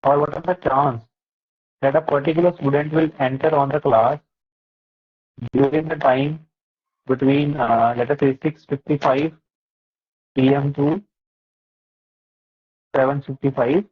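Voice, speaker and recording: Husky man teaching an online math class. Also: medium pitch. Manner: patient, explanatory, frequent fillers. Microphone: laptop or headset mic on a video call. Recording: muffled, lo-fi online call audio.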